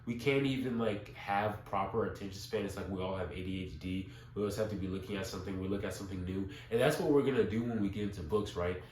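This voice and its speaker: Young male vlogger, low congested voice, informal and rambling, recorded in an echoey room. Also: fast, hardly any pauses, a little mellow. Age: young adult. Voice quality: stuffy, congested nose. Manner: informal, rambling, often checking in with "right?". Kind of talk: casual spoken vlog. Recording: roomy echo, noticeable background hiss.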